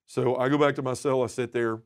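A man in a podcast conversation, sharing a deeply personal faith story with earnest feeling. His voice sits at an ordinary middle pitch and often sinks softly at the ends of phrases. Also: steady tone, fairly quick, clear, resonant tone. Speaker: podcast guest.

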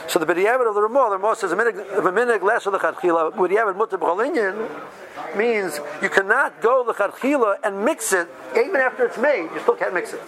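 A man's voice: high-pitched, brisk, crowd noise, rough recording. A man giving an informal religious lesson, talking through everyday examples and checking in with short questions. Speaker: religious law teacher.

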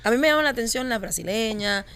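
A woman talks fast and openly in a casual podcast chat. Her voice sits a little high and she rattles through her stories. She sounds blunt and unfiltered. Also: animated, fairly bright tone, slight background noise. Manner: frank, laughing storyteller.

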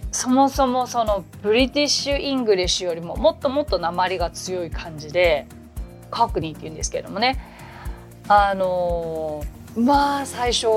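Hosting a casual podcast lesson, a female English teacher speaks in a fairly low voice, chatty and animated, tossing in quick asides.

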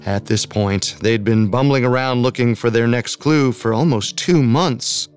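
A man narrating a true crime podcast in a measured, dramatic scripted style. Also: medium pitch, faint music behind.

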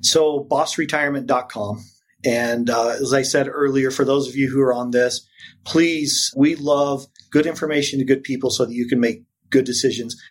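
Slightly husky male podcast guest. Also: medium pitch, fairly even intonation, normal speed. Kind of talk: conversational interview talk.

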